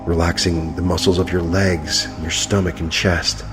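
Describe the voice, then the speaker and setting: Low-voiced man guiding a meditation over music. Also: flat delivery, moderate pace. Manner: soothing, hypnotic delivery with repeated phrases. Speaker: meditation guide. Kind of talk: guided meditation.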